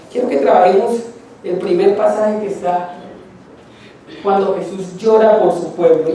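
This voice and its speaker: A man's voice: high-pitched, dark tone, slight background noise. A middle-aged Colombian man preaching a sermon in a church hall, talking with the congregation and putting questions to them. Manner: conversational, asks the congregation questions. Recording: echoey hall, distant mic.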